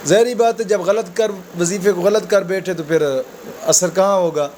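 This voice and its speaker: High-voiced man giving spiritual advice. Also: fairly even intonation, darkish tone, a little hiss or hum. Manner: addresses listeners as friends, explains with everyday examples; slow, low Arabic recitation at the opening. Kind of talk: conversational religious talk to viewers.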